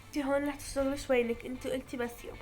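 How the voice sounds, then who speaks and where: A woman plays a friendly police desk clerk in a dress-up game. The clerk explains quickly in a fairly high voice. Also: level tone, a little mellow, faint music behind, natural voice. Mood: helpful.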